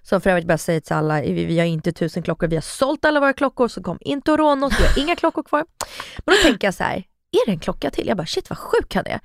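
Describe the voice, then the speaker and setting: A woman's voice: creaky, hardly any pauses, dry recording. Woman in her 30s, podcast chat, tells stories and acts out every quote, dry close mic. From Sweden. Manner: animated storytelling, acting out quotes with big pitch jumps. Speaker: podcast co-host. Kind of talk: casual chat.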